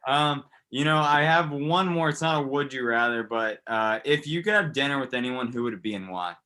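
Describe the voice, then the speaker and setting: Bright-voiced young man interviewing casually. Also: medium pitch, fairly quick. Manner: relaxed, jokey, asks would-you-rather questions.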